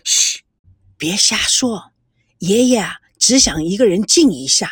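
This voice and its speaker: A woman voicing a gentle, long-suffering grandmother who soothes in a soft, slow, hushed voice. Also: mid-range voice, lively intonation, breathy edge, dry recording. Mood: soothing.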